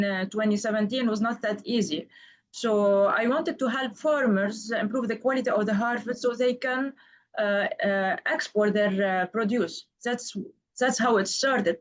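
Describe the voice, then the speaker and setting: A woman from Lebanon, a startup founder speaking on an online panel over an unstable mobile data connection, explaining earnestly step by step. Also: medium pitch. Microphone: video call over 4G.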